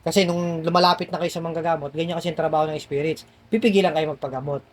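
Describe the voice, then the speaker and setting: A man's voice: a little high, fairly even intonation, fast. A man working as a spiritual healer, coaxing and reassuring his patients indoors and repeating himself as he explains. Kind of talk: explaining to patients during a healing session.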